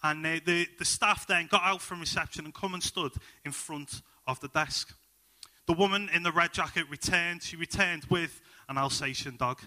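A man's voice: a little high, moderate pace, pushed and bright. A young man with a Liverpool accent preaching a sermon full of personal stories, upbeat and jokey, with plenty of ums.

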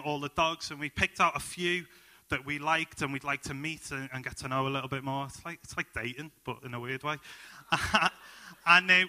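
Slightly high in pitch, with a bright and forceful tone, a young Liverpudlian delivers a sermon. He keeps it light and funny, leaning on personal anecdotes and frequent ums.

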